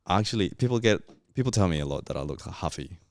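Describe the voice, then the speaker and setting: A young Colombian man with a Colombian Spanish accent guests on a podcast, telling his story casually and reflectively with many fillers. He talks fast in a low voice with lively intonation. It's a dry recording with clean studio sound.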